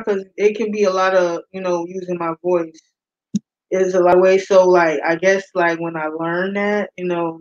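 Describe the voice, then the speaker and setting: A shy, soft-spoken woman co-hosting a live chat stream, talking hesitantly. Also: on the low side. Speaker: co-host of a live couple's channel. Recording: dull lo-fi live-stream audio.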